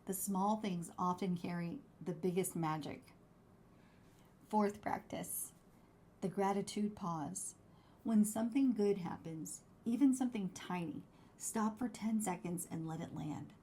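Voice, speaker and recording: A woman presenting a scripted instructional talk as a wellbeing coach, with measured, deliberate, encouraging phrasing. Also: medium pitch, dark tone, a little hiss or hum.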